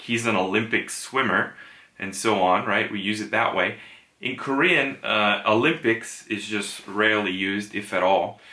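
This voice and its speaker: A man teaching a beginner language lesson, explaining patiently with frequent "uh" fillers and repeating key sounds slowly. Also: lowish voice, bright, forceful tone, reverberant.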